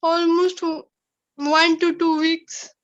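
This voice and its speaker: A woman's voice: very high voice, little pitch movement, takes it slowly. A woman from Nepal taking part in an online workshop, answering hesitantly and briefly. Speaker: workshop participant. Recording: dull audio.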